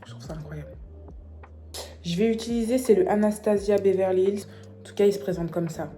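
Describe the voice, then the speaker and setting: A young woman chatting casually through a makeup tutorial, playful and self-mocking with quick asides. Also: mid-range voice, dark tone, a little hiss or hum. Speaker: beauty vlogger.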